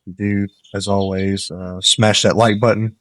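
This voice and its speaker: A gameplay commentator gives casual let's-play commentary, rambling in a relaxed way at a moderate pace and offering tips while he plays. His voice sits on the low side and has a slight nasal quality from a cold he's coming down with. A close desk mic keeps the recording dry, without any room echo.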